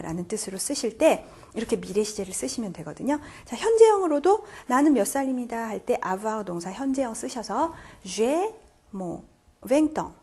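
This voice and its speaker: A woman's voice: on the high side, mellow, breathy edge. A woman teaching French grammar in Korean, patiently walking through each step and quizzing her viewers. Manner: patient, repeats "자" to pace steps, quizzes viewers. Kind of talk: classroom grammar lecture.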